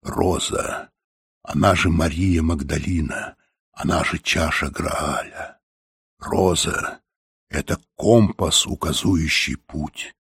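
A reverent elderly scholar, as a male narrator puts him on, whispering slowly over a treasured find, his voice sinking low and husky. Each word is breathed out with quiet awe in a dry, close audiobook sound. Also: dry recording, heavily acted. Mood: reverent hush. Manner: whispered, slow, awed murmur.

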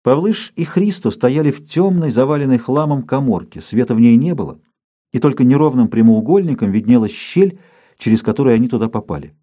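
A man reading an adventure story aloud in measured, even audiobook narration. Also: medium pitch.

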